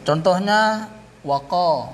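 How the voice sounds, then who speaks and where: A male teacher walks through grammar points at an unhurried, careful pace, repeating terms and pausing to correct himself. His voice sits a little high for a man. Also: animated, slight background noise. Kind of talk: classroom grammar lesson.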